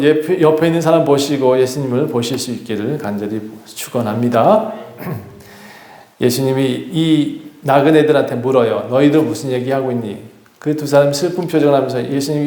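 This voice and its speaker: A man's voice: a little high, darkish tone. Conversational pastor man in an echoey church. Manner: conversational, addresses the congregation with questions and prompts. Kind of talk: sermon. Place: church sanctuary.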